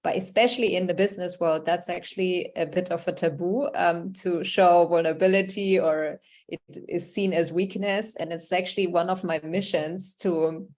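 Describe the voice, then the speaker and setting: Running an online workshop by video call, a workshop facilitator from Germany reads out participants' answers and replies in a conversational way. Her voice is on the lower side and darkish, with a steady tone at normal speed.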